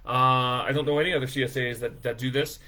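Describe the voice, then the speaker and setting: A man's voice: medium pitch, fairly even intonation, quick pace, sharp tone. A man presenting the season details for his farm in a casual, rambling way, with lots of fillers and self-deprecating asides. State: feeling sick after overeating.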